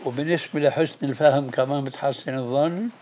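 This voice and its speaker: A man's voice: mid-range voice, quick pace. A man, a sheikh questioning his student closely in a lesson, on a dull lo-fi tape. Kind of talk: recorded lesson discussion. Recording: dull lo-fi tape with faint hiss.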